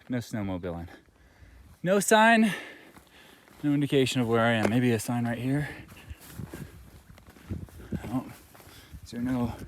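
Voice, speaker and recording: A man talks to his camera while hiking a mountain trail, his voice sitting at an ordinary middle pitch. He rambles casually, full of fillers and easy asides. Light rain, wind and hail patter faintly behind him in the open air. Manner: relaxed, rambling, with many fillers. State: a little out of breath. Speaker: thru-hiker vlogger. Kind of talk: casual trail vlog narration.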